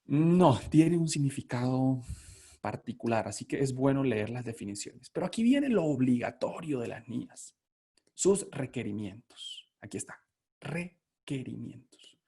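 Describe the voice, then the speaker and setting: Male lecturer, husky tone, emphatic, answers his own questions. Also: mid-range voice, sing-song, unhurried, dark tone. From Colombia. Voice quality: emphatic, repeats key words, asks and answers own questions. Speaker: lecturer on auditing standards. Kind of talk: conference lecture.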